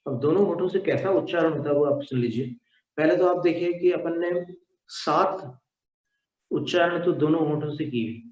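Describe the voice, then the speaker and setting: A man teaching a slow lesson on pronunciation, demonstrating sounds syllable by syllable. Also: a little high, darkish tone. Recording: echoey room, dull lo-fi sound.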